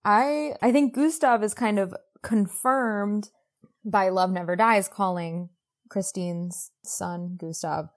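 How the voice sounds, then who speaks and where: Speaking slowly in a medium pitch, this woman co-hosts a podcast and goes over a book in lively, exclamatory, casual talk. She says "like" constantly.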